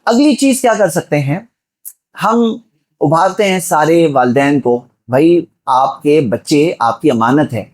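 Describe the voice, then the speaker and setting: A man from Mumbai, India, preaches a Friday sermon in an exhorting style, his voice sitting a little high. He poses rhetorical questions and speaks directly to his listeners.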